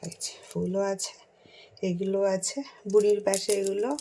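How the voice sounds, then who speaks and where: Fast-chatting young woman vlogger. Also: medium pitch, flat delivery, dark tone, slight background noise, poor audio. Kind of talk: casual daily vlog talk.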